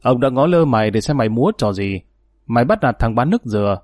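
A man's voice: medium pitch, expressive, fast talker, a little mellow, no echo, clean studio sound, natural voice. A man reading an audiobook, voicing a tough, menacing male gang leader who talks in harsh threats.

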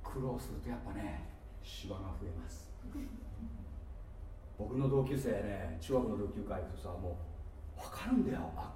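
A man preaching a sermon, playful and animated, with asides and laughter, recorded from a distance in a church hall. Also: medium pitch. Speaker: pastor. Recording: echoey hall from far off with faint noise.

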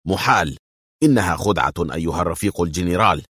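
A man voicing an angry, bullying Soviet general who shouts his lines. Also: low-pitched, fast talker, breathy edge, no room sound, studio quality. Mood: furious. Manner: shouting in fury.

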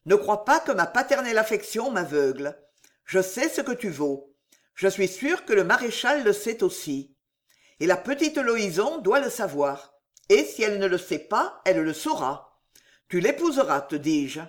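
A reader voicing a gruff, loud old soldier of fortune who swears heartily, in an audiobook. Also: mid-range voice, very animated, moderate pace, close to an everyday voice. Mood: earnest. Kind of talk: audiobook character reading.

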